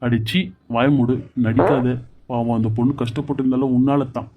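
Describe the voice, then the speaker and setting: A man voicing a hot-tempered grown son and husband in a cartoon serial, gruff and commanding. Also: mid-range voice, steady tone, a little fast, narrow, tinny audio, natural voice. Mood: angry. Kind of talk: Tamil cartoon serial voice acting.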